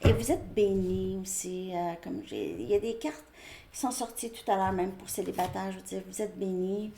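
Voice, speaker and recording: A woman talks her viewers through a tarot reading at an unhurried pace. She repeats words and thinks aloud as she draws cards. A faint hiss sits under her voice. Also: mid-range voice, warm tone. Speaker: tarot reader. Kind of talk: tarot card reading to camera.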